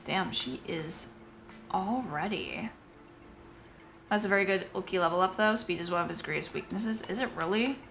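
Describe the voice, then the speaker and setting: Casting: bright, joking woman streamer, casual commentary, faint hiss behind. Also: mid-range voice, moderate pace, vocal fry. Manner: joking, laughs often.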